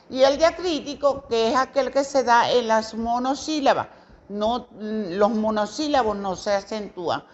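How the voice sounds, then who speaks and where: A woman teacher from Venezuela, her voice a little high and the recording muffled, gives a recorded grammar lesson to children. She patiently repeats example words, with some hesitant fillers and self-corrections.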